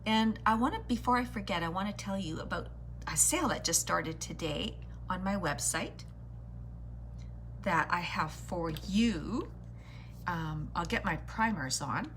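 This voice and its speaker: A low-voiced woman hosts a casual beauty livestream. She chats straight to her viewers with friendly greetings and endearments while doing her makeup. There is noticeable noise and hum behind her voice. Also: animated, unhurried, a bit bright. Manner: chatty, addressing viewers directly with greetings and endearments. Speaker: beauty vlogger hosting a live makeup tutorial.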